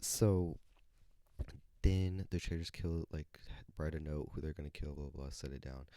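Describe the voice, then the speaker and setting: A man's voice: very deep voice, moderate pace, dark tone, no echo. A man hosting his own podcast, rambling casually with lots of fillers, swearing and self-corrections. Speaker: podcast host. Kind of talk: casual solo podcast chat.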